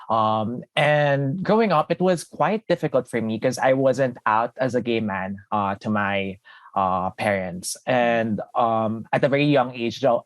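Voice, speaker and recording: A man's voice: medium pitch, dry recording. Earnest man on a dry video call. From Philippines. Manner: earnest, with frequent fillers and restarts. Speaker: podcast guest, co-producer. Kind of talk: casual interview talk.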